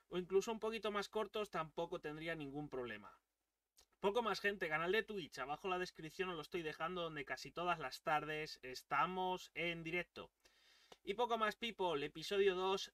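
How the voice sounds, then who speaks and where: A man's voice: on the high side, no room sound. A young man with a Spain Spanish accent doing let's play commentary, swearing and bursting out as he plays. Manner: swearing, excitable outbursts. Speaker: gaming YouTuber. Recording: distant mic with loud game noise.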